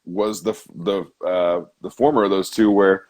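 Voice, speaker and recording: A young man co-hosting a sports podcast, talking in a laid-back, drawn-out way, full of "like". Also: low voice, fairly even intonation, darkish tone. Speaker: podcast co-host. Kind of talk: casual sports chat.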